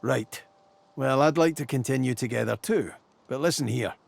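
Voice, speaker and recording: An actor playing a gruff, salty old dwarf sailor in a video game, frank and plain-spoken with a soft heart. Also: male voice, mid-range voice, normal speed. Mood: frank, earnest.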